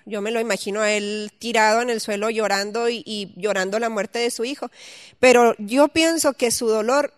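A woman's voice: fairly high pitch, no echo, studio quality. A woman teaching a Bible study, reading scripture aloud and then explaining it conversationally with questions to her listeners.

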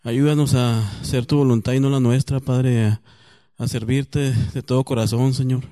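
A man leads a spoken prayer in a flat, even voice, returning to the Lord's name between phrases. The recording is dry and close, with little room sound. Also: mid-range voice, normal speed, no echo. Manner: steady, repeating "Señor" between phrases. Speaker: congregation member.

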